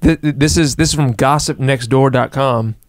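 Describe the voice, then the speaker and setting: A man's voice: medium pitch, normal speed, dry recording, clean studio sound. A man on a podcast, chatting casually in a matter-of-fact way and reading things out from online searches. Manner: matter-of-fact, reads search results aloud. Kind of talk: casual chat.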